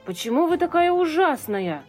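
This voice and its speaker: A brave storybook girl shouting in outrage, her voice pushed higher and louder, as a woman reader puts her on. Faint music plays underneath. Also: sing-song, moderate pace. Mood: indignant. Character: brave, indignant young girl heroine.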